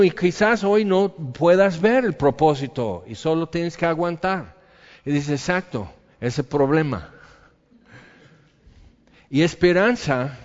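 A man preaching a sermon, swinging between loud emphatic lines and soft quiet ones. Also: fairly high pitch, in a large hall, dull audio. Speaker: pastor.

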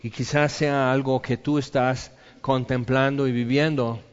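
A man preaching a sermon, swinging between loud emphatic lines and soft quiet ones. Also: medium pitch, steady tone, measured pace, clean tone, big-room sound, highs cut off. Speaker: pastor.

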